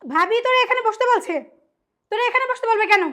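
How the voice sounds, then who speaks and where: An actress playing an indignant young sister-in-law, scolding. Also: female voice, fairly even intonation, reverberant, crowd noise. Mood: accusing. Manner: scolding, shrill and fast. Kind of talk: melodramatic short-film acting.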